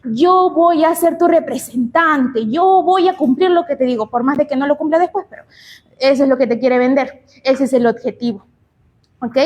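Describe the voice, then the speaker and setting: A young Peruvian woman giving a conference talk on public speaking, asking rhetorical questions and answering them herself. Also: high-pitched. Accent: Peruvian Spanish. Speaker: speaker at a regional congress.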